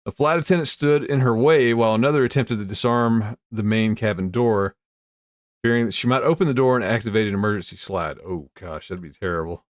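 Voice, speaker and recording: Amused low-voiced man, dry close sound. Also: a little fast, no echo. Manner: amused, easily breaks into chuckles. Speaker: host. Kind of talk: casual commentary while reading news aloud.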